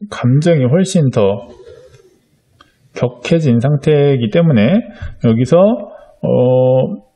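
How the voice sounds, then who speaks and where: A middle-aged male art teacher gives young children a drawing lesson, patiently explaining each step with frequent fillers. His voice is mid-range and warm.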